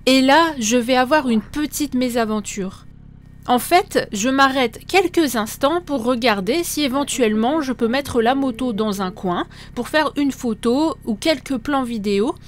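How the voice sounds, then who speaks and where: A woman with a high voice narrates a motorcycle vlog in a voice-over. She recaps what happened on the road in a clear, storytelling way. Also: unhurried, slight background noise. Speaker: motorcycle vlogger.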